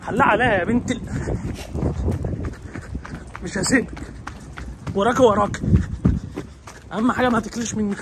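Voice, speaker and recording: Fast-talking Egyptian man, noisy outdoors. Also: sits high. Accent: Egyptian Arabic. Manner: exasperated, pleading and scolding. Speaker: dog vlogger. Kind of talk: casual vlog, chasing his dog.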